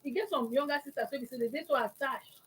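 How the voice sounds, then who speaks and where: A woman's voice: high voice, fast, breathy edge. A woman with a Nigerian accent hosting a conversational talk, acting out examples as she explains. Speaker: talk show host.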